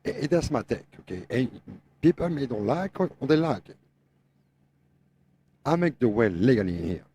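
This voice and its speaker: A man's voice: mid-range voice, very animated, normal speed, warm tone, slightly rough. A middle-aged man from France, a native French speaker with a French Tennessee accent, giving his opinions on a podcast in emphatic, repetitive, non-native English. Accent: French mixed with Tennessee. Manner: emphatic, repeats phrases, non-native grammar. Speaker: guest truck driver, owner operator.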